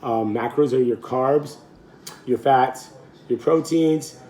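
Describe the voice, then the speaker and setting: A man in his thirties with a raspy, throaty voice, hoarse from a recent illness, chatting casually and off the cuff to camera as a fitness vlogger. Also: medium pitch, slow, warm tone. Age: 30s. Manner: informal, rambling, unscripted. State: hoarse, getting over being sick.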